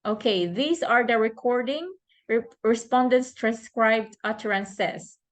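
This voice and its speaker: A woman presenting a case study to a class as the child's mother, reading points and at times imitating a toddler's speech. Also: a little slow. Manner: reads bullet points, then imitates a toddler's words in a high sing-song voice.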